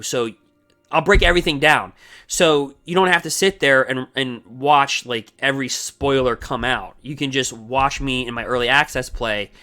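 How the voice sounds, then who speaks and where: A man hosting his own card game channel, talking fast and energetically in a rambling, casual way with many asides. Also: mid-range voice, bright, forceful tone. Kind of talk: casual solo gameplay commentary. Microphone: desk microphone.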